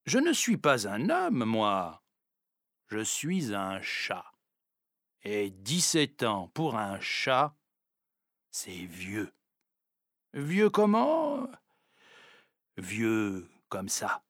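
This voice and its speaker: Male actor as an old, proud house cat, storybook narrator: slow, wry, melodic delivery, dry close sound. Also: on the low side, huge pitch swings, a bit bright, dry recording, full character voice.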